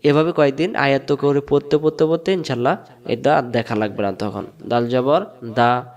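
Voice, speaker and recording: A man's voice: medium pitch, brisk, darkish tone, highs cut off. A man teaching a step-by-step online Quran recitation lesson in Bangladeshi Bengali, patiently repeating rules and asking and answering his own questions.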